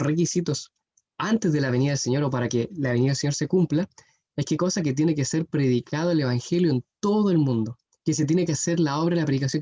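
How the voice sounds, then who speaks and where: Earnest young preacher, muffled sound. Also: male voice, fairly high pitch, dark tone, breathy edge. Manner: earnest, often adds "¿cierto?". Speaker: youth preacher. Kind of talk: sermon.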